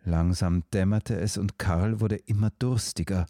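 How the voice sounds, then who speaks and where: A man narrating a storybook in a calm, measured way. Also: low-pitched, no room sound, clean studio sound.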